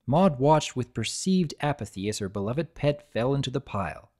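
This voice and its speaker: A man reading a story aloud as scripted dramatic narration, in a measured, expressive storytelling manner. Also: mid-range voice.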